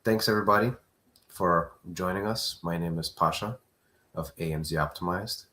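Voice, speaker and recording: Male livestream host, low-pitched, relaxed conversational delivery. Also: normal speed. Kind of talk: live Q&A stream.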